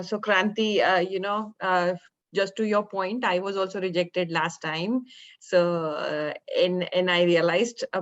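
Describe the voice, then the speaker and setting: A woman introducing herself as a digital strategist on a video call, talking with many fillers and repeats. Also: on the low side. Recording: dull, muffled call audio.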